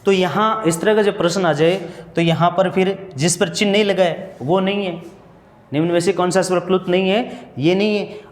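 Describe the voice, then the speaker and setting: This exam-prep grammar lesson comes from a male teacher whose high voice stays fairly even in intonation at a normal speed. He explains methodically, answers the questions he raises, and restates the essentials, while the room echoes with long reverb.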